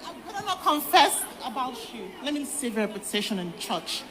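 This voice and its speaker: A woman's voice: fairly high pitch, very animated, a little fast, pushed and bright, big-room sound, some chatter behind. A woman in a live confrontational exchange at a church session, defiant and challenging, repeating herself. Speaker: congregant in a deliverance session. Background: music.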